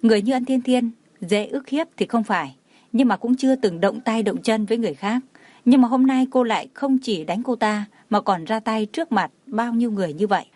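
A woman narrating a dramatic story as an audiobook in a steady reading voice. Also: on the high side, a little fast, no echo.

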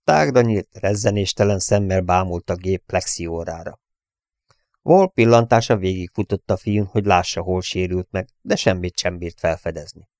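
A man reading an audiobook in a steady, measured storytelling manner. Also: low voice, dry recording, clean studio sound. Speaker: audiobook reader. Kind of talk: audiobook narration.

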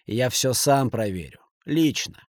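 A man's voice: mid-range voice, lively intonation, a little slow, no echo, natural voice. A spiteful, jittery banker who snaps his lines with tense edges, as a male reader voices him close to his own voice. The recording is dry and close-miked, as in a studio audiobook.

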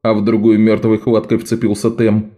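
Mellow-voiced male audiobook narrator. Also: lowish voice, monotone, moderate pace.

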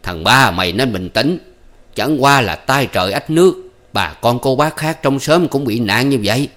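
A man voicing an older village notable who talks in a slow, coaxing, soothing way. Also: mid-range voice, lively intonation, fairly bright tone, voice pushed up, lightly acted.

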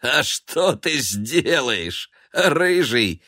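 Brief: male reader as a sneering bully cat; mocking, loud and slow. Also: very deep voice, lively intonation, no room sound, clean studio sound, full character voice. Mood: taunting. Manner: sneering, taunting.

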